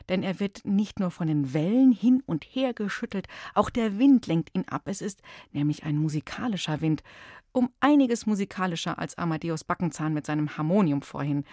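A woman presenting a children's radio show in a chatty, playful, expressive storytelling style, speaking straight to the listeners. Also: mid-range voice, no echo, studio quality. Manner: expressive, addresses young listeners directly. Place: radio studio.

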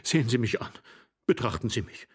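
A man's voice: mid-range voice, big pitch swings, brisk, husky. An actor voicing a desperate man who pleads and stammers, his voice breaking into sobs. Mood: pleading.

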